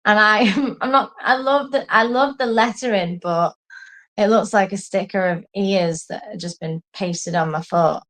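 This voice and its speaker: A woman's voice: medium pitch, measured pace. A woman chatting casually as a co-host, telling stories in a rambling, self-mocking way with some swearing. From lived in Singapore, English family. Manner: rambling, animated storytelling with self-mockery and swearing. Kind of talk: casual chat.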